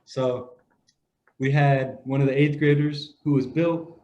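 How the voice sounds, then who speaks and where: A young man co-hosting a casual sports podcast, telling stories in a relaxed, rambling way with many fillers. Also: mid-range voice, a little slow. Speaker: podcast co-host, grandson. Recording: dull lo-fi audio.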